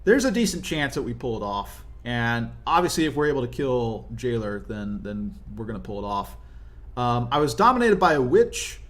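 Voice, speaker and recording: A young gaming video commentator talks through a strategy game as he plays, explaining each move conversationally at a normal speed. His voice is an ordinary middle pitch, and as he reasons aloud he keeps checking in with the listener, often tagging on "right?"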